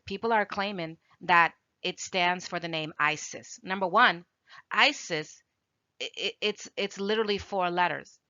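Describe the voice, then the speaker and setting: Emphatic woman with bright, dry voice. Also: on the low side, no room sound, highs cut off. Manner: emphatic, rebutting with rhetorical questions. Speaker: language teacher. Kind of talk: informal video lesson.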